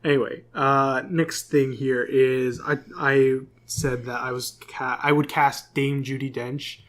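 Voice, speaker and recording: A man's voice: medium pitch, fairly even intonation, slow pace. Casual male podcast co-host. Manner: reads corrections from notes, many fillers. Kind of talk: casual chat.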